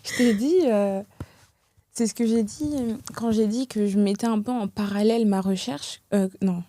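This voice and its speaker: Reflective young woman, mellow and dry. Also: mid-range voice, normal speed, no room sound. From France. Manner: reflective, hesitant, many fillers and restarts. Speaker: guest. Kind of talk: casual podcast conversation.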